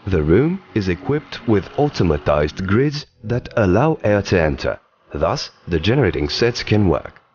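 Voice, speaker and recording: A man giving scripted documentary narration in an even, explanatory delivery, recorded as a studio voice-over. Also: sits low, unhurried, dull audio, slight background noise.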